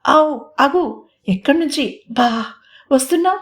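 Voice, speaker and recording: A woman's voice: sits high, animated, slow pace, pitched above the performer's own voice. A young woman caught off guard, stammering in a raised, wobbling voice, as a woman narrator puts her on. She trips over her words. It is told as a storybook reading. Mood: flustered. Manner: hesitant, stammering. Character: young woman, flustered older sister.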